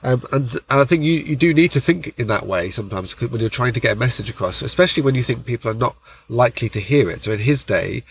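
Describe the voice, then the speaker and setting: A man's voice: mid-range voice, lively intonation, fast talker, hardly any pauses, slight background noise. A man co-hosting a conversational podcast in a car park, explaining things earnestly with frequent digressions. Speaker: podcast co-host.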